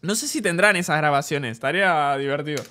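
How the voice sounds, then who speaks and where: A young man with an Argentine accent chatting excitedly on stream, telling stories and swearing freely while reacting to a video. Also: a little high, brisk, a little hiss or hum. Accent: Argentine Spanish. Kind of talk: casual stream chat.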